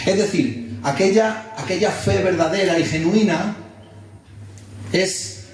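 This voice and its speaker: A man from Spain preaching a sermon, explaining slowly and repeating words for emphasis. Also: high-pitched. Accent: Spain Spanish. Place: church hall. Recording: distant mic in echoey church hall.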